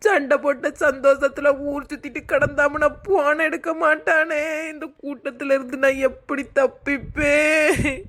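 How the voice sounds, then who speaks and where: A woman's voice: sits high, steady tone, a little slow, fairly bright tone. A woman voicing a panicky middle-aged village mother-in-law, wailing and scolding her kidnappers. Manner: wailing, scolding, rambling complaints.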